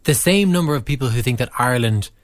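Easygoing co-host, dry studio sound. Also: male voice, medium pitch, animated, fast talker, no echo. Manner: easygoing, agreeable banter. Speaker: radio co-host. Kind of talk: casual radio chat.

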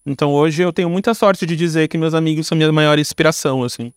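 A man with a Brazilian accent, a screenwriter guesting on a podcast, gives casual, slangy interview answers peppered with little tag questions. He talks at a quick pace in a smooth, fairly high voice with fairly even intonation, and there is no echo.

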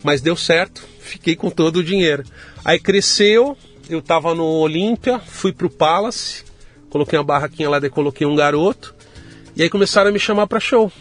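A middle-aged man from Brazil, telling his story to an interviewer in a casual, lively way and acting out the voices of the people in it. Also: a little high, moderate pace, faint music behind. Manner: lively anecdotal, acts out quoted dialogue. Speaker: guest entrepreneur.

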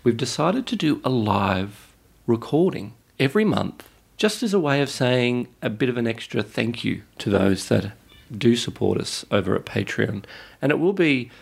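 A man's voice: mid-range voice, very animated, normal speed, vocal fry, slightly rough. An Australian man with a nasal, congested voice from a head cold, co-hosting a casual podcast chat. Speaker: podcast co-host.

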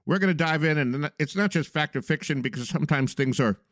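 A man's voice: fairly high pitch, brisk, no room sound, studio quality. A man hosting a radio talk show in an upbeat, joking way. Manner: upbeat, animated, jokey.

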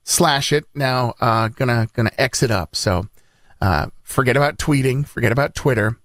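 A man's voice: mid-range voice, moderate pace, fairly bright tone, no room sound, clean studio sound. A man hosting morning radio, reading news in a conversational, bantering style.

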